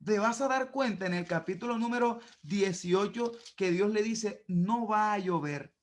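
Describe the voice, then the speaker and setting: High-voiced man preaching a sermon. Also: unhurried. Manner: preaching, builds to loud emphatic passages; repeats words for emphasis. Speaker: pastor.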